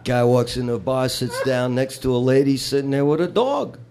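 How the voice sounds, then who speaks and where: A man's voice: medium pitch, normal speed, vocal fry, darkish tone, slight background noise. A man performing a live comedy set, telling bar jokes with rambling, wisecracking patter between them.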